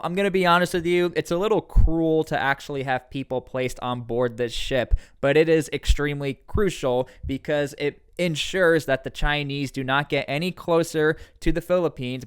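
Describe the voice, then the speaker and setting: A male host talks straight to his viewers about world events in a casual, slightly sarcastic way. His voice is smooth and resonant. The recording is close and dry, with no room sound. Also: mid-range voice, a bit bright, no echo. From United States. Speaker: commentary channel host. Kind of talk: casual news commentary.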